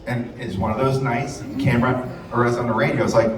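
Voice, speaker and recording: A man's voice: mid-range voice, little pitch movement, brisk, crowd noise. A man giving a fiery live speech, blunt and profane, telling heated stories. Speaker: rally speaker. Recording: echoey hall, distant mic.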